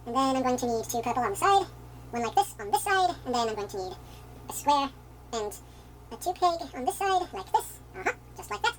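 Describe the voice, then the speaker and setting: A man putting on a voice for an excitable, fussy male showman who theatrically scolds his building pieces. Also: very high voice, fairly quick, slight background noise, voice pushed up, heavily acted, rough recording. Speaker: vlogger.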